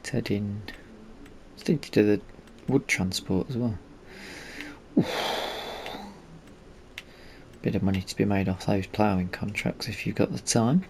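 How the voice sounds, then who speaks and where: A man casually commenting on a farming game as he plays, thinking aloud in a relaxed way. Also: lowish voice, normal speed, vocal fry, a little hiss or hum. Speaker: gaming channel host.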